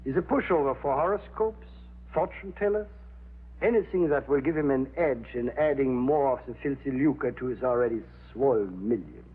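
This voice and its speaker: An actor playing a con man who poses as a temperamental hypnotist professor, with grandiose, deliberate delivery in a vintage crime drama. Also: mid-range voice, expressive, slightly rough. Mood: sly, confident. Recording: tinny band-limited old TV soundtrack, humming noise.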